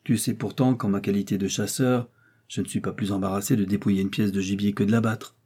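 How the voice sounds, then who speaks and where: A practical, blunt hunter, read by a male narrator, speaks firmly and plainly. His voice is dark and mellow with a husky edge. He is a figure in an adventure audiobook. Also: on the low side, fairly even intonation, brisk. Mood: steady. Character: bluff male professional hunter, steady and blunt.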